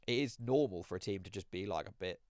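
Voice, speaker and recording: Podcast bloke, low-ish voice, lots of likes, dry close mic. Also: male voice, fast talker, clear, resonant tone, dry recording. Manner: rambling, thinks aloud with many "like" fillers. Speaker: podcast co-host. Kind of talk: casual football chat.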